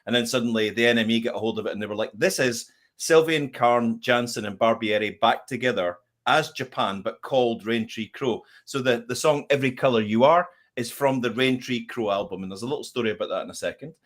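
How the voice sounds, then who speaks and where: A man co-hosting a casual chat about albums, telling lively anecdotes. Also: mid-range voice, brisk, hardly any pauses. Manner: chatty storyteller, animated anecdotes. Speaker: podcast co-host.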